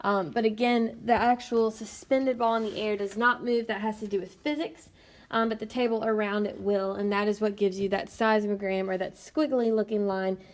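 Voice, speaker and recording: A woman teacher narrating a recorded lesson in a patient, explanatory way, often pausing with "um". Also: medium pitch, steady tone. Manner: patient, explanatory, frequent "um" fillers. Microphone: tablet screencast mic.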